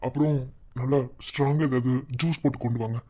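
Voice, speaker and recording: A man's voice: mid-range voice, fairly even intonation, fast talker, dark tone, lightly acted. A man voicing a young son-in-law in a cartoon, soothing and reassuring but firm when he has to be. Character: young son-in-law, calm and protective, stern when needed. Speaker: son-in-law comforting the family.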